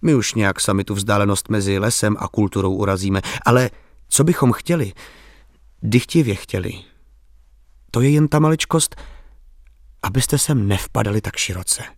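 A man's voice: fairly low pitch, pauses often, no echo, clean studio sound, natural voice. A man voicing a bitter, ironic, middle-aged village intellectual who speaks politely but with an edge. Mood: wry.

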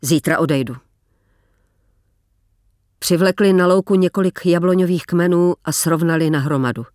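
A man narrates a novel in a measured, deliberate reading, slowing for weighty lines. His voice sits a bit high for a man. The sound is close and dry with no room echo. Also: fairly even intonation, a little mellow. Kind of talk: scripted audiobook narration.

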